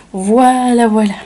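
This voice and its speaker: A woman with a slightly hoarse voice, casually narrating as she opens a box of trading cards, with frequent filler words and small laughs. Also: on the high side, noisy background. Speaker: card unboxing vlogger. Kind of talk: casual unboxing commentary.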